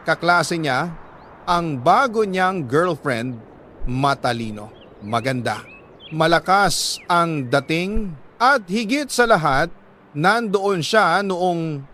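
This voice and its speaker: Reading a listener's letter as a radio drama host, a man with a Filipino accent tells the story in a sorrowful, deliberate way, with dramatic pauses. His voice sits high and sounds pushed and bright. There's slight noise in the background.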